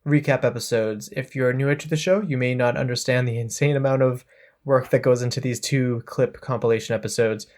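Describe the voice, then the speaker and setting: In this clip a podcast host chats casually and wraps up the show in a relaxed, cheerful manner. His voice sits at a medium pitch, slightly mellow, with fairly steady intonation and a pace that runs a bit quick.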